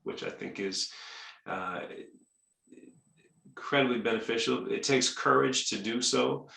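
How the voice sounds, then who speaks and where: A man's voice: mid-range voice, a little slow, creaky, pushed and bright, echoey room. A man hosting a webinar interview, chatty, reading out audience questions and restarting his sentences often. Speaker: host.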